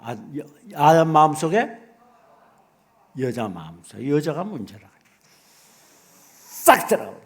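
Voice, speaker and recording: A middle-aged man preaching a sermon as pastor, folksy and animated, acting out little asides. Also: fairly high pitch, a little slow, pauses often, husky.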